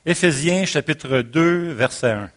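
Animated Quebec French preacher, higher voice. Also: male voice, unhurried. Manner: animated storyteller, acting out shouts and voices. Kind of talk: sermon with a personal story.

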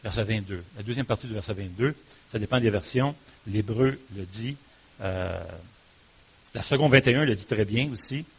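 A man with a Québécois accent preaching a sermon as pastor, talking to listeners conversationally and swinging between emphatic, loud lines and hushed, low ones. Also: normal speed, husky. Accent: Québécois French. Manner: conversational, with fillers and restarts, addressing listeners as "mon ami".

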